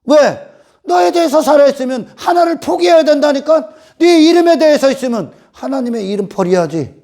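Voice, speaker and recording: A man preaching a fiery sermon as pastor, rising to shouts and acting out the complaints of his hearers. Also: extremely high pitch, animated, normal speed, creaky. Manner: fiery, rises to shouts, mimics complaining voices. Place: church sanctuary.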